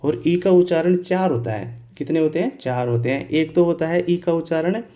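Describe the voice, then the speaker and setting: In a Hindi lesson on English pronunciation, a male teacher with a fairly high, mellow voice explains step by step, asking and answering his own questions, slowly repeating key words and spelling out letters. He clears his throat now and then.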